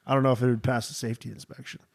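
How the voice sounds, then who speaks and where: A man's voice: medium pitch, level tone, fast. A man in casual group banter, recorded inside a wooden cabin.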